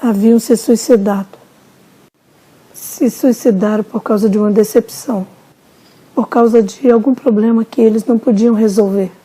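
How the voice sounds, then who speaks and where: A woman narrating a religious testimony in a solemn, measured storytelling manner. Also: on the high side, steady tone, dark tone, slightly rough. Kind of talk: slow dramatic testimony narration.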